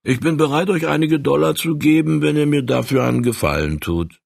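A man's voice: fairly high pitch, brisk, darkish tone, dry recording, clean studio sound, pitched above the performer's own voice. A man voicing a scheming grown male traveller who coaxes someone into eavesdropping for money. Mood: coaxing. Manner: coaxing, smooth-talking.

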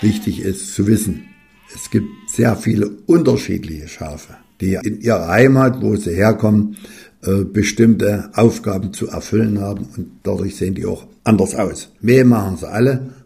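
A middle-aged shepherd explains his work in an interview, plainspoken and halting, often repeating himself. His voice is low, gravelly and dark.

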